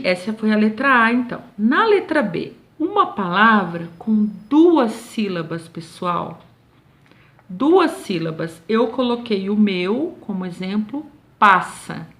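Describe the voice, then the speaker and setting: A woman teacher with a Brazilian accent, correcting homework for her pupils in a recorded lesson, patient and checking in often. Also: medium pitch. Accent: Brazilian Portuguese. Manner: patient, slow and drawn out, checks in constantly with "tá bom?". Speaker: schoolteacher.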